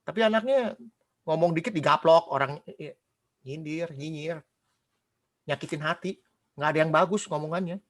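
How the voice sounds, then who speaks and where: Male preacher, higher-pitched, animated, chatty; questions the room. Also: normal speed, pauses often. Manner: animated, quizzes the congregation, mimics gossip. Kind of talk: casual sermon.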